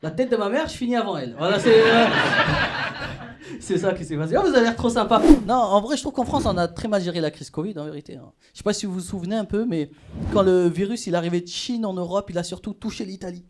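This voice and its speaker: Stand-up comic, man, high voice, slangy and animated, live club recording with background noise. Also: quick pace. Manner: casual slangy, animated, laughing through punchlines. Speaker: stand-up comedian. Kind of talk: stand-up comedy with crowd work. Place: comedy club stage.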